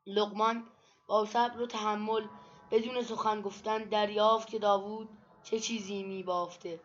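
Woman reading stories aloud, dull lo-fi sound. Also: medium pitch. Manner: measured, steady storytelling. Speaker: narrator reading religious stories. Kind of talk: read-aloud book narration. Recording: dull lo-fi recording.

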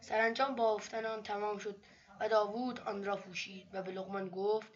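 A woman narrating religious stories from a book in a measured, steady storytelling manner. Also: medium pitch. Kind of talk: read-aloud book narration. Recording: dull lo-fi recording.

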